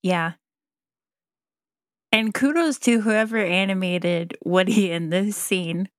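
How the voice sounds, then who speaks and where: A woman's voice: mid-range voice, slow, no echo, studio quality. A woman co-hosting a casual chat, curious and asking questions, laughing along. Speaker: podcast co-host.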